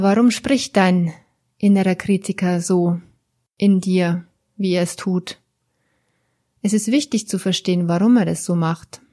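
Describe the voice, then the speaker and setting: A woman coach speaking to the listener in a calm, gentle way, guiding them through their thoughts step by step. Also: medium pitch. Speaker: therapist or coach. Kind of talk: slow, guiding talk to the listener.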